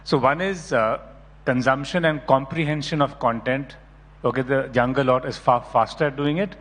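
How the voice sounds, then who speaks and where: A man's voice: medium pitch, moderate pace, fairly bright tone. A middle-aged man speaking on a panel in an emphatic, lecturing way, often checking in with "right?". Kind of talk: panel discussion. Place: conference hall. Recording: reverberant conference hall.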